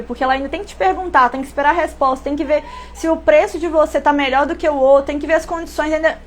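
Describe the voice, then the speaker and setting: A Brazilian woman giving casual pricing tips as an online instructor, talking in a chatty way, often correcting herself and asking rhetorical questions. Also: sits high. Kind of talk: casual live-stream tips.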